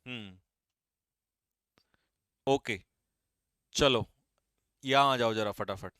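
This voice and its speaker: Man, teacher quizzing a class, bright forceful voice, smooth, dry close sound. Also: medium pitch, dry recording. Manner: brisk, quizzing students and teasing them. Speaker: English vocabulary teacher. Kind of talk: live online exam-prep class.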